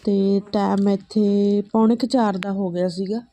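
A woman's voice: mid-range voice, little pitch movement, a little slow, dark tone, slight background noise. A woman with a Malwai Punjabi accent narrates her daily chores in a casual, chatty, homely vlog style. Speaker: family vlogger.

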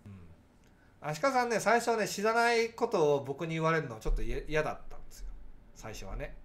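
A man's voice: fairly high pitch, sing-song, brisk. A man in his forties with a nasal voice, hosting a casual livestream and chatting back to viewer comments. He projects his voice so that it carries, and he talks freely with a lot of fillers. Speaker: livestream host.

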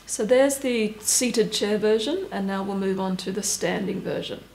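A woman stretching instructor giving calm, step-by-step cues and counting down holds. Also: medium pitch, normal speed, creaky, roomy sound, slight background noise, poor audio. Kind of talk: guided exercise instruction.

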